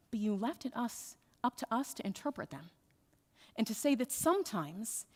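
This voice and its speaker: A woman's voice: mid-range voice, a little mellow, natural voice. A woman voicing a group of stubborn male rabbis who speak defiantly and dismissively. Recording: reverberant sanctuary hall.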